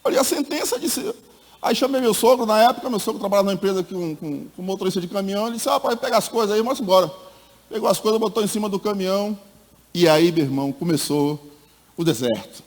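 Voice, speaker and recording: A middle-aged man giving a personal testimony at a church meeting. He tells the story in an animated way, acts out the people in it, and calls his listeners "my brother.". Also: high voice, fast talker. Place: church hall. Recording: long reverb of a church hall.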